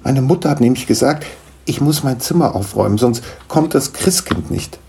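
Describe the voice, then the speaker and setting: A young boy, as a male storyteller puts him on, pitched well up and stumbling over his words in earnest pleading. His voice has a husky grain, with a warm, soft tone. Storybook reading. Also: lively intonation, moderate pace, full character voice. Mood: surprised. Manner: breathless, stammering pleading. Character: young boy, curious and anxious.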